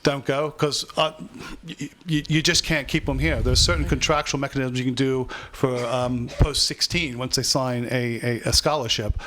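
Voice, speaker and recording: Brisk, reassuring club executive, a man. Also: medium pitch, steady tone, noisy background. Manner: brisk, reassuring, with quick restarts. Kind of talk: answering questions at a fans forum. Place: club function room.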